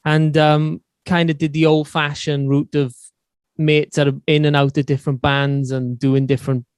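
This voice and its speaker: A man's voice: on the high side, little pitch movement, normal speed, smooth, dry recording. Podcast guest, male, Swansea Welsh accent, clean tone, close dry sound, matey and informal. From Swansea, Wales. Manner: matey, informal, peppered with "you know". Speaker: podcast guest, band musician and songwriter. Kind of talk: casual interview chat.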